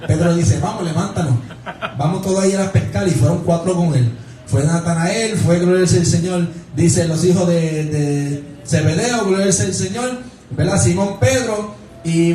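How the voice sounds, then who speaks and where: A man's voice: high voice, a little mellow. Male preacher, folksy storytelling, recorded from a distance in a very echoey sanctuary with faint noise. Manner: storytelling preaching with frequent "gloria al Señor" and "¿verdad?". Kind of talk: sermon. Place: church sanctuary. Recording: very echoey church from far off.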